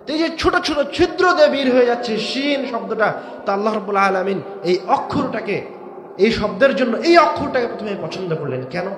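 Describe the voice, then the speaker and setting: A man preaching a waz sermon, swinging between shouted emphasis and low drawn-out words, with rhetorical questions to the crowd. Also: lively intonation, echoey room, a little hiss or hum. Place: large outdoor religious gathering.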